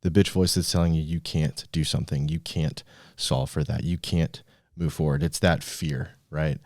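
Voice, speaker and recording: Low-voiced male podcast host. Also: steady tone, normal speed, darkish tone, no echo, studio quality. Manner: loose and conversational, many fillers and restarts. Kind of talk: casual podcast chat.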